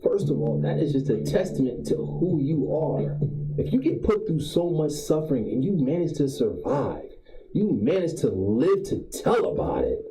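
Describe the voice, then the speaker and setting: A man with a fairly high but very mellow, warm voice talks on a live stream in a rambling, preachy way, hammering each point home. His voice sits in a roomy space with faint guitar music behind it. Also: very animated, normal speed. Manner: rambling, preachy, repeats himself for emphasis. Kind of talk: casual motivational monologue.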